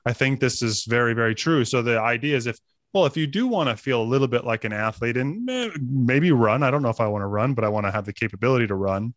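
A man's voice: mid-range voice, expressive, quick pace, no room sound. A man co-hosting a podcast in casual chat, rambling and restarting his sentences as he thinks aloud. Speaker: podcast co-host.

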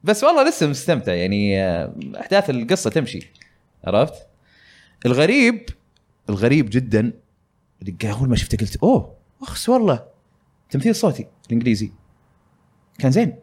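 A man's voice: mid-range voice, huge pitch swings, fast, pauses often. A man hosting a casual gaming podcast, talking in a rambling way with many fillers. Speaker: podcast host.

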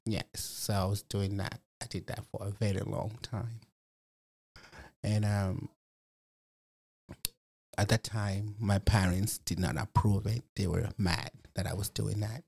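A resident guest of a program, a man from Malawi, reflects on his life story in a personal testimony interview, leaning on fillers like "you know." His lowish voice is gravelly and a little mellow with a breathy edge, fairly even in intonation, a little slow, and broken by long pauses.

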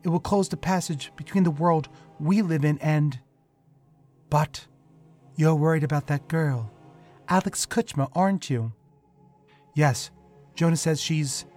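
A man voicing a gentle ghostly young woman in a read story, soft and reassuring. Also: a little high, measured pace, pauses often, faint music behind, close to an everyday voice. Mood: earnest.

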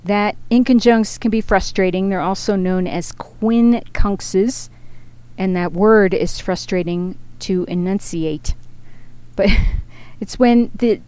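Woman, casual forecaster, smooth clear voice, rambling and self-mocking. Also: mid-range voice, slow pace, mellow. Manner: chatty, rambling, laughs at herself. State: feeling hot and sweaty. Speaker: astrology forecaster.

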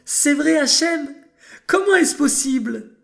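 A man voicing a small, gentle female moon in a children's story, talking in a high, childlike way. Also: takes it slowly, heavily acted. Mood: eager.

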